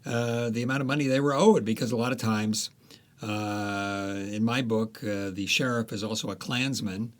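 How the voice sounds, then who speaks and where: As a guest author in an interview, a man with a low voice tells stories in an unhurried, conversational way. He pauses on fillers and restarts his sentences often, and his intonation stays fairly even.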